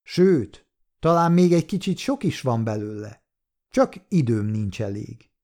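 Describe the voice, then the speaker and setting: A sly, self-assured shop owner who is secretly a detective speaks calmly and mockingly in a storybook reading, voiced by a man. His voice is dark and mellow, pitched in an ordinary male range. He sounds cool and quietly challenging. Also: close to an everyday voice.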